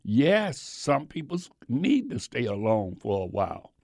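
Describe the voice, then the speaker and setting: A man preaching a sermon, repeating his phrases and swinging between loud bursts and low asides. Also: very animated, a little slow, dry recording, clean studio sound. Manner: preaching with sudden shouts and drops, repeats phrases.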